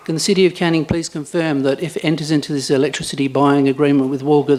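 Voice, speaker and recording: A man, a ratepayer, putting probing, persistent questions to a council meeting. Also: a little high. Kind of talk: public question time.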